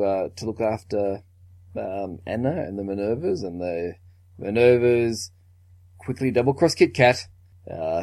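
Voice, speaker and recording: A man's voice: lowish voice, darkish tone. A man co-hosting a podcast, casually retelling a film's plot with occasional chuckles. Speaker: podcast co-host. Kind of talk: casual film recap chat.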